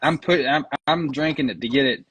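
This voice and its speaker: A man's voice: mid-range voice, fairly quick, a bit bright, slight background noise. A man co-hosting a livestream, chatting casually, laughing often and swearing offhandedly. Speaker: livestream co-host.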